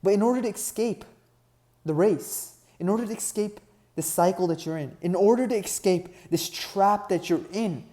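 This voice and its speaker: A young Nepali man who coaches online fitness businesses delivers a motivational talk in a high, warm voice at a moderate pace. Earnest throughout, he ends almost every sentence with "right?" and builds toward emphatic peaks.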